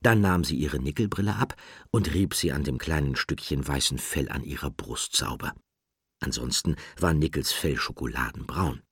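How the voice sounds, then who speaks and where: A man narrating a children's audiobook in a calm, deliberate storytelling manner. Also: extremely low pitch, husky, no echo, studio quality.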